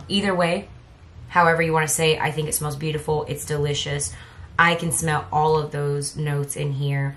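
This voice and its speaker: Low-voiced chatty woman reviewing fragrances. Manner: chatty, rambling, self-correcting. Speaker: fragrance vlogger. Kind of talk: casual product review chat.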